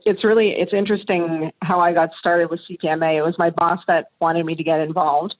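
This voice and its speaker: A woman's voice: on the low side, steady tone, a little fast. A woman being interviewed on a podcast, talking earnestly and thoughtfully with frequent restarts. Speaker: interview guest, past association chair. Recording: tinny phone-like remote line.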